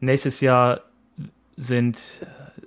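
A man in his forties talks through plans on a podcast in a loose, easygoing way. He rambles a little and hesitates often. His voice sits at an ordinary middle pitch. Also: monotone, extremely slow, clear, resonant tone. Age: 40s. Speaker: podcast co-host. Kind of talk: casual chat.

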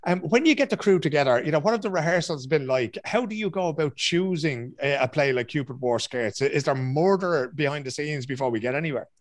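A man, hosting a relaxed, conversational interview and asking chatty questions. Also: on the high side, fairly quick, few pauses. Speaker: interviewer, host.

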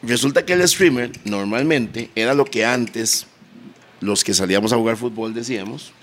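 A man with a Costa Rican Spanish accent, a podcast co-host who asks questions in a relaxed way. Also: mid-range voice, moderate pace. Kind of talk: casual podcast chat.

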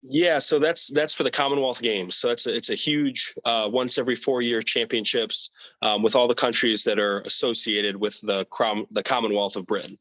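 A young man answering interview questions about competing abroad in a relaxed, casual way, with many fillers and repeated words. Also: medium pitch, normal speed, dry recording, low-quality recording. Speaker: athlete guest.

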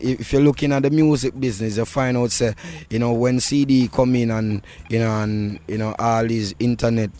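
A man's voice: mid-range voice, darkish tone. A man with a Jamaican accent talking casually in an interview, in Rasta speech full of patois and devotional phrases. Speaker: reggae artist being interviewed. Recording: music playing behind the voice. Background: music.

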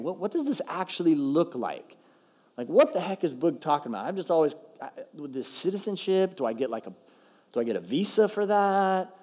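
A man delivers a sermon in a chatty, emphatic way, slowing down to drive home key phrases. His voice sits a little high for a man. Long reverb from a large church hall trails each phrase. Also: dark tone. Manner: conversational, emphatic, slows down to stress key phrases. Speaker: pastor.

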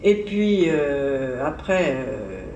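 This seminar speaker has a bass voice with a darkish tone, talking very slowly in a sing-song way. Her informal academic talk is digressive and conversational, like thinking aloud, recorded in an echoey seminar room by a far-off mic with slight background noise.

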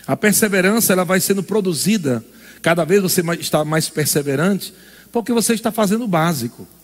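A man's voice: high voice, expressive, fairly quick, big-room sound. A male pastor preaching a sermon in an emphatic call-and-response style.

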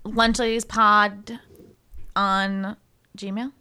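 A woman's voice: medium pitch, flat delivery, extremely slow, bright, forceful tone, clear, resonant tone. A young woman co-hosting a casual podcast, bubbly and chatty. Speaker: podcast co-host. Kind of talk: casual chat.

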